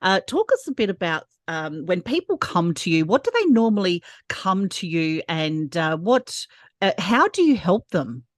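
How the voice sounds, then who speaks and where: A woman with a low voice hosts a podcast interview, recorded dry and close. She affirms what her guest says and asks questions hesitantly, with plenty of fillers. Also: very animated, moderate pace, no room sound. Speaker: podcast host.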